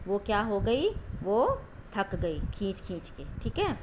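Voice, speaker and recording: A woman's voice: medium pitch, sing-song, slow pace, a little mellow, a little hiss or hum. A woman schoolteacher explaining a story to young children, repeating herself and asking the class questions. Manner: patient, asks the class questions and repeats "okay" constantly. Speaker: school teacher.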